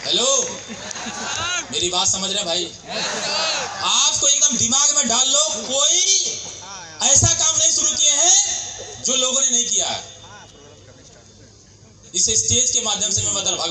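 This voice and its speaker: A man with a Bihari Hindi accent giving a loud, animated motivational speech from a stage and calling out to the crowd. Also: very high-pitched, a little slow, pauses often, heavy background noise. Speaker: motivational speaker. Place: event stage in a hall. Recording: echoey hall.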